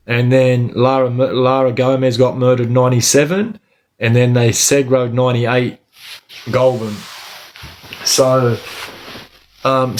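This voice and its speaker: An Australian man telling stories casually on a livestream as host, using Aussie eshay street slang like a local lad. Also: mid-range voice.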